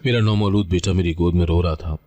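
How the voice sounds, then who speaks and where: A man reading a dramatic first-person story in a steady, scripted narration. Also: low-pitched, quick pace.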